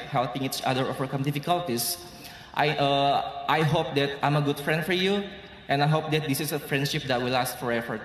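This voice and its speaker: A man's voice: mid-range voice, a bit bright, slight background noise. A man with an Indonesian accent, giving an earnest, grateful commencement speech with light humor in a large hall. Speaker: graduation speaker. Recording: echoey hall with crowd.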